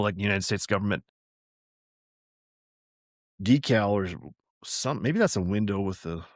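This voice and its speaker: An older man hosts a podcast, reading a family memoir aloud and wandering off into chatty, rambling asides that he corrects along the way. His voice sits on the low side, recorded in studio quality with no room sound.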